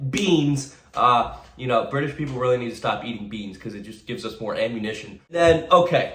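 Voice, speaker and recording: A man rambles through sarcastic commentary on a run of memes, stumbling over his words and repeating himself as he goes. His voice sits at an ordinary middle pitch. The recording has a noticeable echo, as if made in a bare room. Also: fairly bright tone. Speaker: meme reaction commentator. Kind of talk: casual comedic commentary.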